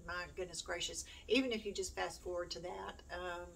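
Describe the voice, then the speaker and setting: Her lowish voice is gravelly and fairly bright, with fairly even intonation at a moderate pace. This middle-aged homeschooling mom chats to camera for her YouTube channel in a rambling, self-deprecating way. She's indoors in a small room at home, recorded by a distant mic amid room noise.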